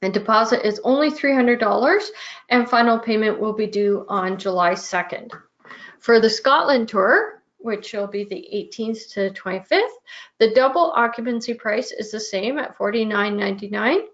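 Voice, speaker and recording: Woman going over tour stuff and prices, kinda hoarse, slightly high voice, muffled lo-fi audio. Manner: reads through itineraries and prices in a steady listing way. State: hoarse, losing her voice. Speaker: travel club tour presenter. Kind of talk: presenting tour details. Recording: muffled lo-fi recording.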